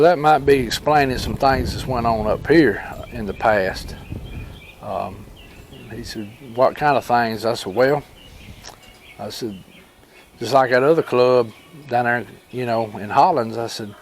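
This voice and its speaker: A man's voice: mid-range voice, slight background noise. Folksy Southern man telling fireside tales. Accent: Southern US, rural Alabama. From Alabama, United States. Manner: folksy, rambling, with pauses and reported dialogue. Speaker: storyteller and homesteading channel host. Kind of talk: fireside storytelling of personal experiences, informal and unscripted.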